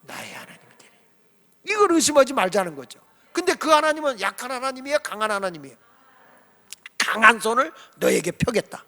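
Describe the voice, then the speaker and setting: A man preaching a sermon as pastor, fervent and swinging from quiet talk to shouted exhortation. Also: very high-pitched, big pitch swings, fairly quick, long pauses, long reverb tail. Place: church sanctuary.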